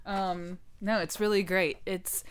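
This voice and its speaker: A woman co-hosting a casual podcast, chatty and animated as she tells stories. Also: medium pitch, takes it slowly, a crowd in the background. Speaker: podcast co-host.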